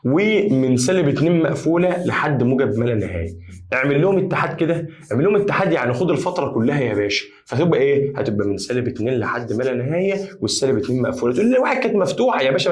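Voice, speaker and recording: A man with an Egyptian accent teaching maths at a rapid clip. He talks to his students in a chatty, emphatic way and repeats key phrases over and over. His voice sits at a middle pitch. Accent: Egyptian Arabic. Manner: chatty, addresses students as "ya basha"; repetitive, emphatic. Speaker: math teacher. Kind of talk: energetic whiteboard lesson.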